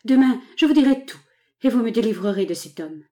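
A fearful, passionate young courtesan pleads in a raised, trembling-high voice, as a woman reading a novel aloud puts her on. The tone underneath stays mellow and soft-edged, in the manner of an audiobook. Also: animated, a little fast, lightly acted. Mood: pleading, frightened. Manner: pleading, emotional delivery.

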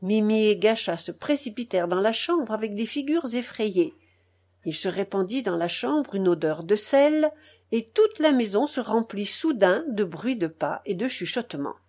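A woman narrating a novel in a measured, expressive audiobook reading. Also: medium pitch.

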